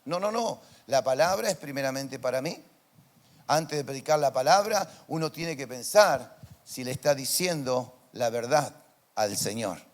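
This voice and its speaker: A male pastor with a Rioplatense Spanish accent, preaching a sermon in church and swinging between quiet, intimate lines and loud, impassioned declarations. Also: mid-range voice, lively intonation, a little slow.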